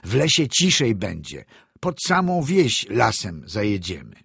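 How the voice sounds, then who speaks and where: A man voicing a gruff, plainspoken village coachman who shouts over the wind in a hearty peasant way. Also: deep voice, sing-song, takes it slowly, no echo, clean studio sound, exaggerated voice.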